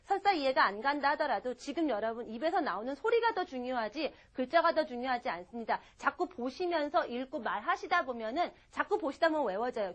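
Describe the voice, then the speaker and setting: A woman teaching an English grammar lesson in a patient, repetitive way, modeling example sentences and whispering short consonant sounds. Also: high voice. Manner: patient, explains slowly and repeats example sentences. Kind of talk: recorded English grammar lecture.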